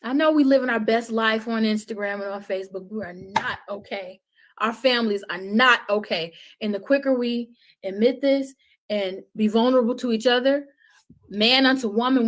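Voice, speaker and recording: A woman guest on a podcast, talking with emphatic, sermon-like repetition about love and healing. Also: on the high side. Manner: emphatic, preaching cadence, repeats phrases for weight. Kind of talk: impassioned conversational testimony.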